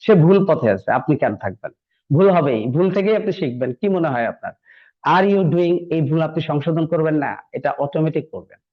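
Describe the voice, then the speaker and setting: A man's voice: on the high side, lively intonation, brisk. A man teaching an English class in a chatty, encouraging way, often repeating himself. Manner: conversational, encouraging, repeats phrases. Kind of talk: classroom lecture. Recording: dull lo-fi recording.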